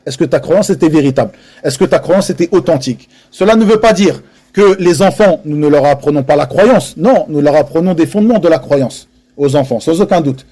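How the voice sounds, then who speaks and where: Teaching a religious lesson in French to a live audience, a man speaks in a fairly high, mellow, animated voice at a brisk pace. He is earnest and emphatic, repeating key phrases and dropping in Arabic religious terms.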